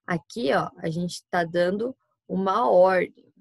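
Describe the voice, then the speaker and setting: Brazilian woman teacher with a low voice and a dry computer mic, patient, walks students through each step of an online class. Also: slow, gravelly, dry recording. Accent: Brazilian Portuguese. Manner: patient, explains step by step, often checks with "tá?". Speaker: Spanish teacher.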